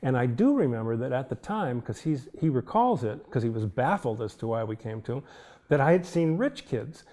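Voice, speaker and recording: A man's voice: medium pitch, sing-song, normal speed, mellow. An older man, a film director, telling thoughtful anecdotes in an interview and chuckling now and then. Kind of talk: reflective interview storytelling.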